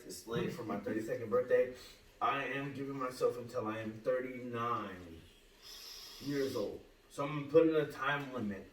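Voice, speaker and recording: Earnest man in his thirties, roomy distant sound. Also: medium pitch. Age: 30s. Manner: earnest, halting restarts. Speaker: podcast host. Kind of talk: casual chat. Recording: roomy, distant mic with faint hum.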